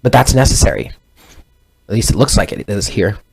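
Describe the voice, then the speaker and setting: A man's voice: fairly low pitch, brisk, vocal fry, a little mellow, slight background noise. A man in his thirties giving a casual tarot reading, rambling and often correcting himself mid-sentence. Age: 30s. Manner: rambling, self-correcting, conversational. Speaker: tarot reader.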